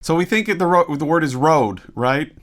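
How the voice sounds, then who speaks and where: A man's voice: fairly high pitch, expressive, normal speed, over loud music. A man working as a vocal coach, reacting to a performance with casual, enthusiastic teaching commentary and frequent rhetorical questions.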